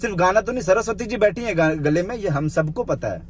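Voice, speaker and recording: High-voiced man delivering a scolding rant. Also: animated, a little fast, slight background noise. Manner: scolding, addresses the listener with the blunt informal 'you'; point-by-point rebuttal. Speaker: vlogger responding to a rival's live video. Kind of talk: confrontational rant to camera.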